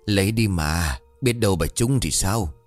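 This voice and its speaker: A man's voice: low-pitched, expressive, a little slow, faint music behind. A man voicing a poor, grateful old man who insists kindly. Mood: insistent. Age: older.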